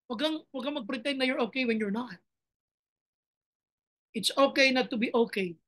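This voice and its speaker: A high-pitched woman pastor delivering a sermon with passion. She moves between two languages and rises into dramatic pleading cries to God. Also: normal speed, a bit bright.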